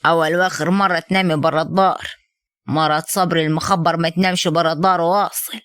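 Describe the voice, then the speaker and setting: A woman with an Upper Egyptian accent voicing a domineering young husband who talks in a gruff, insulting, bossy way. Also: lowish voice, steady tone, fast, a bit bright, no room sound, clean studio sound, pitched below the performer's own voice, close to an everyday voice. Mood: stern. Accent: Upper Egyptian Arabic.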